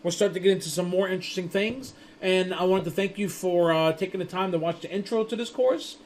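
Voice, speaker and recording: A man with a fairly high voice talks through the intro to his networking course. He rambles casually, restarting and tripping over words as he goes, and acts out little conversations as he tells a story. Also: brisk, slight background noise. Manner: rambling with frequent restarts and stumbles; chatty storytelling with acted-out quotes. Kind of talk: casual spoken lecture.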